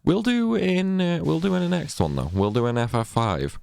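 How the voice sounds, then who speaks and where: A man's voice: on the high side, animated, moderate pace, vocal fry, darkish tone, clean tone. A man talking through a game walkthrough in a chatty, rambling way, often correcting himself, and fighting off a sneezing fit. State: sneezy, stuffy from a cold. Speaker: gaming guide creator. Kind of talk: casual game walkthrough commentary.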